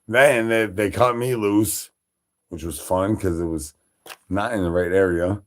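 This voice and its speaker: On his livestream, a man from Chicago, Illinois rambles in a deep, unhurried voice. It's loose, profane stream chat, packed with fillers like "like" and "uh," with breaks for shout-outs.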